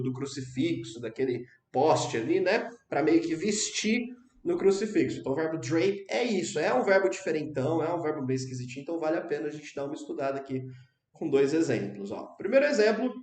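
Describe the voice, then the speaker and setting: A man giving a casual English lesson to Portuguese speakers, chatty and checking in with his listeners, slowing down to repeat example phrases. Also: fairly high pitch. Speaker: English teacher. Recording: roomy, echoey room sound.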